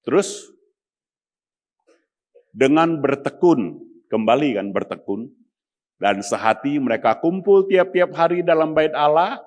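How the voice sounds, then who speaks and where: A man's voice: fairly high pitch, expressive, measured pace, pauses often. A man preaching as pastor in a chatty, humorous way, sometimes acting out the people he quotes. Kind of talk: sermon.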